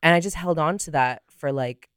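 Chatty low-voiced drag performer. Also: female voice, normal speed, smooth, no room sound, clean studio sound. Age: young adult. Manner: chatty storyteller, many fillers, acts out quotes. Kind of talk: casual podcast chat. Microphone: studio podcast mic.

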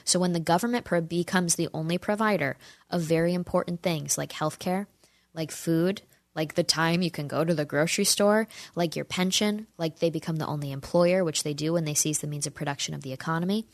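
A woman's voice: low voice, a little fast, no room sound. A woman in her twenties giving an earnest, persuasive opinion talk and speaking straight to her viewers. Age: 20s. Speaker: commentator answering audience questions.

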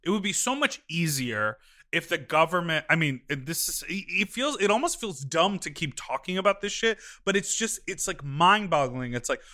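A man's voice: fairly high pitch, sing-song, normal speed, bright, forceful tone. A man in his thirties co-hosting a podcast in casual chat, campy and exclaiming. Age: 30s. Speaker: podcast co-host.

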